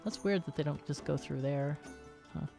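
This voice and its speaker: Over music, a low, creaky-voiced woman offers casual commentary on her gameplay at a moderate pace, hosting the video while thinking out loud and explaining her moves.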